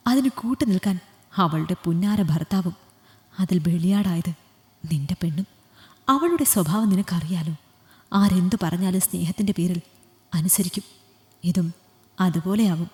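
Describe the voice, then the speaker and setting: A woman's voice: fairly low pitch, moderate pace, pauses often, a little mellow, close to an everyday voice. A woman doing a protective male friend. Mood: reassuring. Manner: urgent, reassuring. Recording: long hall reverb.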